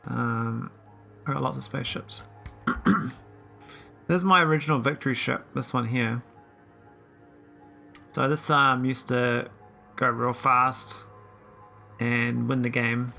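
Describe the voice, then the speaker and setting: Gravelly, bright-voiced man streaming a game. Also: mid-range voice, fairly even intonation, slow, pauses often, faint music behind. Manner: rambling, chatty, answers viewer chat. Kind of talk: casual live-stream chat.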